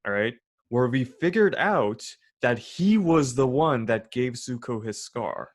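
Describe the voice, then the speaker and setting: A man's voice: medium pitch, expressive, a little slow. A young man co-hosting a podcast in casual chat, rambling with many fillers and restarts. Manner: rambling, full of "you know" and "like". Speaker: podcast co-host.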